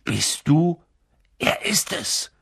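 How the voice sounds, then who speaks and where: Ein Mann, der in einer Hörbuchlesung zwei freche, rothaarige Zwillingsjungen im Teenageralter mit hoher, lauter und sprunghafter Stimme spricht. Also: male voice, lively intonation, very slow, creaky, breathy edge, heavily acted. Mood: neugierig. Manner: high, loud and bouncy. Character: cheeky red-haired teenage twin boys.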